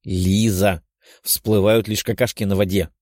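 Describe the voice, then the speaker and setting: A man voicing a hot-tempered young dragon girl who talks in a sharp, scolding way. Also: lowish voice, flat delivery, measured pace, no room sound, studio quality. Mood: angry.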